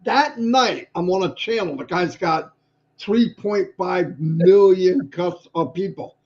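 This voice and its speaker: A man's voice: sits high, slow, a little mellow. Chipper older man, muffled stream audio. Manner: chipper, rambling. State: hoarse. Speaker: livestream co-host. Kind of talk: casual livestream chat.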